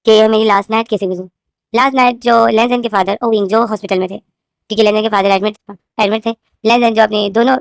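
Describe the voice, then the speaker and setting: Her voice is medium-pitched, captured with clean studio sound and no echo. She's a fanfiction author with a sore throat, casually retelling her own story to viewers she calls "guys," rambling and repeating names and phrases.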